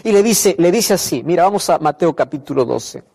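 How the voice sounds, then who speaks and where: A male preacher delivers a sermon with a lively, swinging delivery that rises and drops sharply. He stresses his points by repeating phrases and putting questions to his listeners. His voice carries a long echo from a large hall. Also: a little high, a little fast, vocal fry. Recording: reverberant hall.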